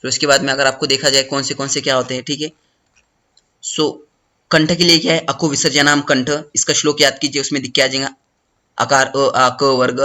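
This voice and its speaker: A man teaching a study lesson, talking fast and repeating a check-in phrase after each point. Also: medium pitch, level tone, pushed and bright. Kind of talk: study lesson explaining notes.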